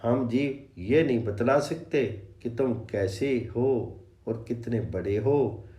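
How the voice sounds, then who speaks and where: A man slowly recites devotional scripture verses in a chanting way and then explains each in plain words. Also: medium pitch, mellow. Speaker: scripture reader and expounder.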